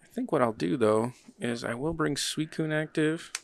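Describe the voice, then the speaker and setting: A man's voice: fairly high pitch, normal speed, gravelly, slight background noise. A man hosting and playing a card game, thinking aloud in an easygoing way. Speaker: card game player and channel host. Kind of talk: casual play-by-play while playing a card game.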